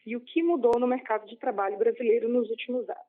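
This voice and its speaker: A woman's voice: on the high side, fairly even intonation, fast. A woman in her thirties from Brazil, asking a prepared question as a viewer. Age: 30s. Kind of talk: recorded video question. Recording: tinny phone-like line.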